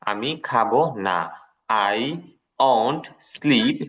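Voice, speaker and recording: A man's voice: mid-range voice, extremely slow, fairly bright tone. A man with a Bangladeshi Bengali accent teaching an English class, patiently repeating each word and translating it. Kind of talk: online class lecture.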